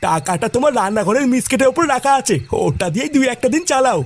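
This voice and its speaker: A man voicing a grumpy, quick-tempered old grandfather in a cartoon, scolding and blustering. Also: very high voice, animated, heavily acted. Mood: doting. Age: older. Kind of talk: cartoon voice acting.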